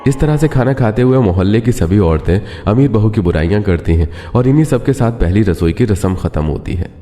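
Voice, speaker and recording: Male narrator, low mellow voice, scripted storytelling, long reverb, faint music. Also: expressive, brisk.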